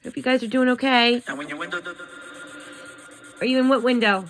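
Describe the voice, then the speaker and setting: High-voiced woman, casually questioning spirits. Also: slow, a bit bright, a little hiss or hum. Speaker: spirit box session host.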